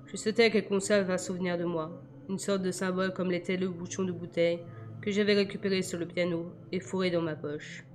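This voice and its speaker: A woman reading a novel aloud in a measured, quiet first-person narration. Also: lowish voice, level tone, a little hiss or hum. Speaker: audiobook reader.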